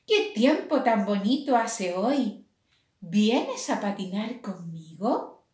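A woman's voice: medium pitch, big pitch swings, takes it slowly. A woman voicing a cheerful, kind female duck in a storybook reading, with a friendly manner. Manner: bright, friendly. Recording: roomy echo.

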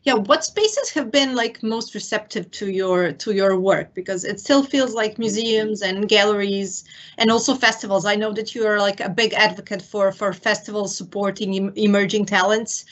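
A woman interviewer asking questions over a video call from a room at home, halting and stumbling with fillers. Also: medium pitch. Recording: muffled video call audio.

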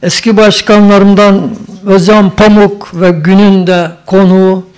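A man's voice: high-pitched, little pitch movement, unhurried, clear, resonant tone. A man speaking at a podium microphone in a council meeting hall, reading a commission report with ceremonious greetings and teasing asides. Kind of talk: formal council speech with joking asides. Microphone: podium microphone at a lectern.

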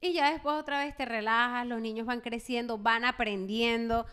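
A woman, co-hosting a casual chat podcast and telling animated stories that act out each scene. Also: a little high, moderate pace, slight background noise. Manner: animated storyteller who acts out scenes. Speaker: podcast co-host.

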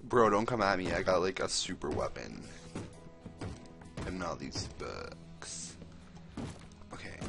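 A young man giving casual, excitable commentary while he plays, exclaiming often and talking to the characters on screen. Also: low voice, takes it slowly, gravelly, pauses often, over music. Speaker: gameplay commentator.

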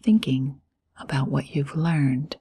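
This guided meditation is led by a woman whose extremely low, dark-toned voice is breathy and whispery. She soothes without hurrying, pausing at length between brief phrases.

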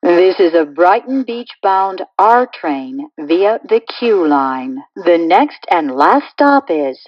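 Female announcer, spliced recorded phrases, slow and measured, dull distant sound. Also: sing-song, no echo. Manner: slow, measured, stop names in a different pitch. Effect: spliced-together prerecorded words. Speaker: train announcer. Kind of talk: automated train announcement.

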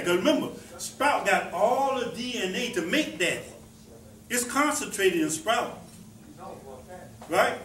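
A man's voice: high voice, fairly bright tone. A man giving an informal talk on herbs to a small audience, folksy and repetitive, often asking the listeners questions. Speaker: presenter teaching about herbs. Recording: echoey room, voice heard from a distance.

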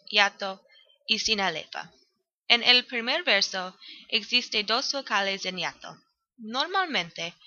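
A woman student, medium-pitched with a bright, forceful tone, reads aloud a prepared analysis of a poem for school, evenly but with some grammatical errors. The audio is dull, dry and lo-fi, without room sound.

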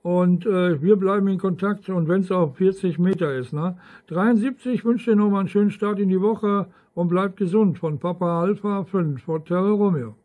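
Sounding like he's on a phone line, a man with a high voice chats casually on ham radio at a moderate pace, rambling and regularly tacking questions onto his sentences.

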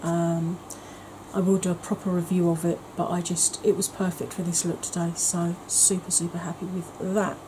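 A woman with a fairly low, flat-sounding voice speaks at a normal speed in a home makeup vlog filmed in her kitchen. She chats casually, drifts off topic, mocks herself, and is soft-spoken at times, with background noise present.

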